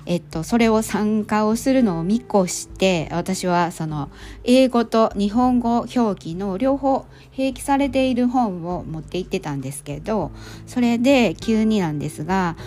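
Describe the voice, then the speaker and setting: A middle-aged woman with a Kansai accent chatting casually through a monologue recap, with plenty of fillers and relaxed phrasing. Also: medium pitch, unhurried, few pauses, soft background music. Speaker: storytelling volunteer and podcast host.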